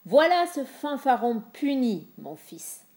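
A woman's voice: sits high, big pitch swings, slow, a little mellow, pitched above the performer's own voice, exaggerated voice. A woman voicing the aged king of the gods, wry and commanding. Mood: satisfied. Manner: wry, amused and authoritative. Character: old male king of the gods, wry and mighty.

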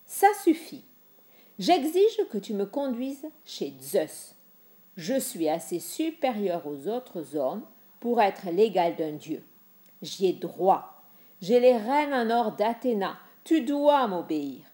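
A woman's voice: medium pitch, sing-song, slow pace, dark tone. A woman voicing a boastful, arrogant young man who demands to be treated like a god. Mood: commanding. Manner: pleading then arrogant and demanding.

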